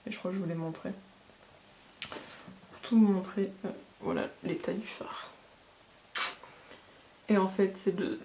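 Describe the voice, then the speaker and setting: A woman's voice: lowish voice, dark tone. A woman giving a casual beauty haul review, chatty and full of hesitations. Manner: chatty, many fillers and hesitations. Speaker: beauty vlogger. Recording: echoey room with background noise.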